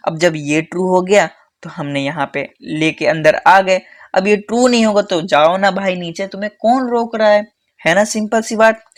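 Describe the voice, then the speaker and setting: A man teaching a casual coding tutorial who talks fast in a chatty way, calls viewers "bhai" and repeats phrases for emphasis. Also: sits high. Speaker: coding instructor.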